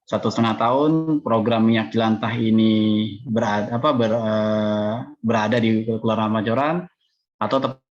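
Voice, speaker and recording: A man's voice: on the low side, steady tone, moderate pace, lo-fi sound. A man, a village head, giving a hesitant formal speech to an online meeting, his audio breaking up over the video call with many filler sounds.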